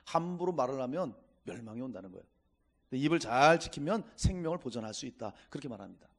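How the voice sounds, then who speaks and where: A man's voice: mid-range voice, lively intonation, quick pace. A middle-aged male pastor giving a Sunday sermon, reading scripture and acting out quotes as he preaches.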